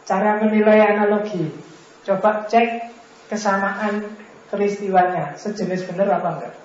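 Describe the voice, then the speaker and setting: A man's voice: high voice, fairly even intonation, normal speed, darkish tone, slight background noise. A man giving an informal philosophy lecture, conversational and teasing, full of rhetorical questions. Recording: very echoey, dull lo-fi room recording.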